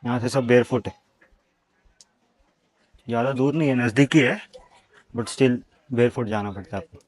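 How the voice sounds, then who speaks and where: Guy doing a walking travel vlog outside, chatty, middle pitch, talking into the camera mic. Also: normal speed. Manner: chatty, mixing Hindi with English words. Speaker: travel vlogger. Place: outdoors at caves and a hillside temple.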